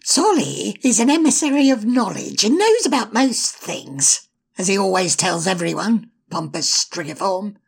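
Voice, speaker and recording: A woman voicing a sly, spiteful male imp in a storybook, mocking and insulting in a raspy, put-on voice. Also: expressive, moderate pace. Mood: taunting. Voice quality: gravelly, raspy. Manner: mocking, sneering, darts between whispers and shrill taunts. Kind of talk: storybook reading.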